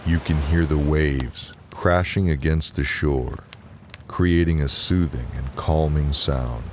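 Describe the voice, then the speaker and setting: A man narrates guided relaxation and bedtime tales in an exceptionally deep voice. His delivery is slow, calm and soothing, never hurried. A faint bed of waves and crackling fire sits behind him.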